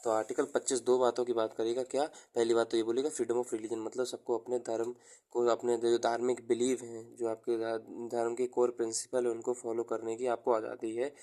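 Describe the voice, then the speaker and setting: A young man teaching an exam-prep lecture, explaining slowly, repeating key terms while he writes and mixing Hindi with English terms. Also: mid-range voice, monotone, warm tone.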